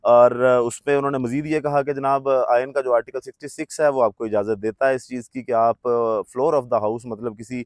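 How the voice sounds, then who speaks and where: A man's voice: medium pitch, steady tone, moderate pace, few pauses, a little mellow, dry recording, studio quality. Man giving hesitant political commentary. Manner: conversational, hesitant with frequent filler sounds.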